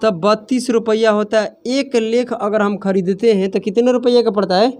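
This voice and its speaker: A man's voice: high-pitched, fairly even intonation, normal speed, darkish tone. A man teaching a maths class, who keeps asking his students questions and answers them himself. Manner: scolds students for laughing.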